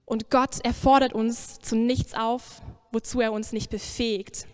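A woman preacher giving a lively sermon, emphatic and swinging between loud and soft. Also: fairly high pitch, unhurried, clean tone.

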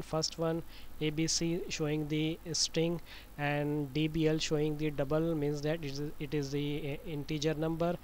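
A man explains software step by step in an informal, halting, repetitive tutorial style. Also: on the high side. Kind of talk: informal screen-recorded tutorial. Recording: noisy amateur screencast voice-over.

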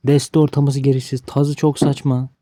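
A man's voice: mid-range voice, little pitch movement, moderate pace, dark tone, dry recording, studio quality. A man giving casual gameplay commentary, frustrated and talking to himself, cursing the game. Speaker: gaming streamer.

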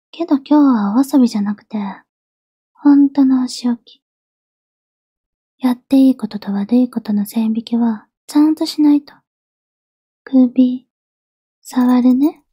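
A yandere girlfriend in an ASMR role-play, high in pitch yet very dark and velvety in tone. She sounds obsessively devoted and clingy, sweet with menace underneath. The voice is close and dry. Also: a little slow, pauses often, dry recording, exaggerated voice. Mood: cooing, menacing, then menacing, pained. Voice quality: soft, breathy. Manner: yandere: obsessively loving, soft, pleading turning coldly threatening.

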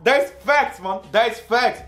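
A man hosting a reaction video, reacting to a rap track with loud, hyped exclamations. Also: very high voice, a little slow, roomy sound.

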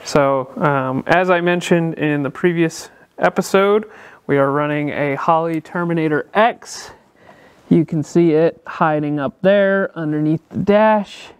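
A channel host and car builder records himself on a handheld camera while casually showing off a vehicle build inside his workshop. He talks in a relaxed manner, dropping frequent filler sounds, and his voice is slightly high, clear, and resonant.

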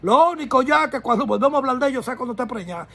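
Man, gossip host, flamboyant, theatrical, very high voice, husky. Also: lively intonation, very fast, pushed and bright. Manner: flamboyant, theatrical, addresses the audience directly. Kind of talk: celebrity gossip commentary.

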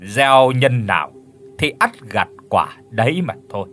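A man voicing a calm, wise old man who speaks in a gentle, measured way. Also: mid-range voice, soft background music. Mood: solemn.

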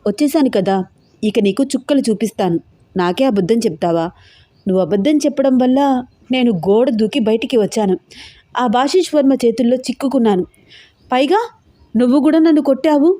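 A woman's voice: fairly high pitch, normal speed, long pauses, no room sound, studio quality, close to an everyday voice. A woman voicing an angry young woman who scolds and threatens her fiancé in an audio story. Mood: sulky, angry. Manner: scolding, sharp-tongued. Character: hot-tempered young woman, bride-to-be.

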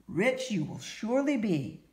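A woman voicing a sly, smooth-talking male fortune teller who makes confident, drawn-out pronouncements in a storybook reading. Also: on the high side, very animated, a little mellow, voice pushed up. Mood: solemn.

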